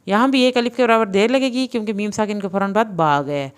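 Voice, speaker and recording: Slowly spelling out syllables and then blending them, a woman teaches Quran reading in a recorded lesson, pausing for quicker, plain accounts of the rules. She speaks in a clear, resonant, mid-range voice.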